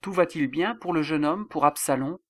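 A man's voice: a little high, moderate pace, dry recording, clean studio sound, lightly acted. A man voicing a grieving old king who laments his son in a raised voice. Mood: anxious, regal.

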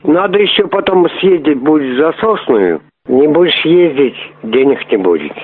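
A man's voice: on the high side, lively intonation, moderate pace, husky, no echo. A man making a crude prank phone call, pushy and rambling, swearing often as he keeps asking to meet. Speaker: prank caller. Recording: tinny phone line.

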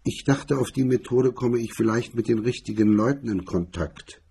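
A man's voice: medium pitch, gravelly, warm tone, breathy edge. A man reading aloud, voicing a languid stranger who speaks dryly and without hurry. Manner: drawling, dry, unhurried. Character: laconic, languid male stranger.

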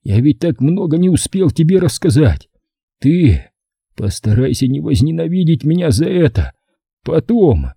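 A dying hunter father speaks slow, breathless, solemn words, as a man reading a storybook puts him on. His voice is very dark and husky, with a close, dry sound. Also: fairly high pitch, very animated, no room sound, pitched above the performer's own voice, full character voice. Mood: tender weak. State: short of breath.

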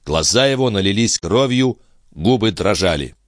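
A man narrating an audiobook with expressive storytelling. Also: fairly low pitch, normal speed, no room sound, clean studio sound. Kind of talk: scripted narration.

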